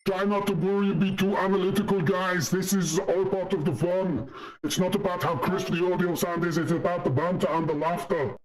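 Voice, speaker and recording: A man's voice: high voice, fairly even intonation, moderate pace, rough recording. A racing game streamer speaking casually in joking banter while his voice runs through a voice changer filter. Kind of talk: casual live-stream chat.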